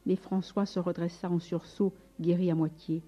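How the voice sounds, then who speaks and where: Husky woman narrating a story. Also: lowish voice. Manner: measured, expressive storytelling. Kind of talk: audiobook narration. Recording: dull lo-fi recording. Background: faint music.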